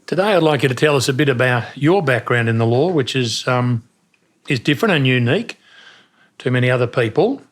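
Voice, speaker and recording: A man's voice: mid-range voice, lively intonation, a little fast. An Australian man hosting a podcast, asking questions in a friendly, conversational way. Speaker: podcast host interviewer. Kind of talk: podcast interview.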